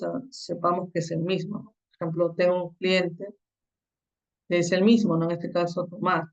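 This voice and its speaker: A course instructor giving a recorded lecture on the slides, explaining step by step and often checking in with a quick tag question. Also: medium pitch, distant mic, low-quality recording.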